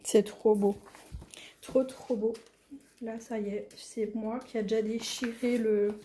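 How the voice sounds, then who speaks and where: French lady doing a craft unboxing, slow and mellow, gushes then goes quiet and whispery. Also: on the high side, level tone, slight background noise. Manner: enthusiastic, slow, often drops to a near whisper. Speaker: craft vlogger. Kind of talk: casual unboxing chat.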